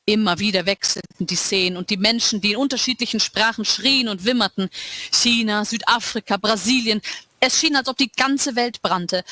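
A woman's voice: medium pitch, bright, forceful tone, no room sound. A woman author reading from her own novel and chatting casually with listeners in between.

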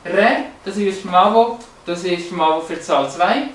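A man's voice: sits high, a little slow, fairly bright tone. A man explaining language features from slides, hesitant, with many fillers and restarts. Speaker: presenter. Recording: roomy, echoey, from a distance.

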